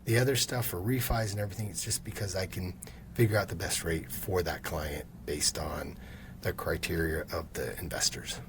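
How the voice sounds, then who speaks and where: Fifty-something mortgage guy telling stories, lowish voice, does the customers' voices. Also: normal speed, background noise. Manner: animated storyteller who acts out quoted customers. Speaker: mortgage lender guest. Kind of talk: casual storytelling interview.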